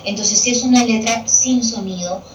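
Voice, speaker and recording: A woman's voice: on the high side, steady tone, moderate pace, distant mic, muffled recording. A woman teacher explaining grammar to students, patiently repeating key terms. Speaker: Spanish language teacher. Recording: echoey room picked up from afar with television noise.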